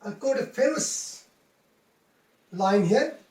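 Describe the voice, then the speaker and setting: A woman's voice: fairly high pitch, expressive, slow, darkish tone. A woman teaching English poetry in a methodical lecture, restating each point in simple words. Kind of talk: explanatory classroom lecture. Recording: roomy sound from a distance.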